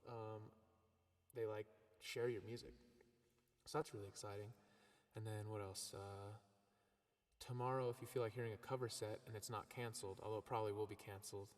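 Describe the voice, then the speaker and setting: A man with a lowish voice talks a little fast, a singer-songwriter chatting casually between songs on a live stream. His voice is drenched in an echo that sounds like a big cave, and he rambles in a relaxed way, full of ums and likes.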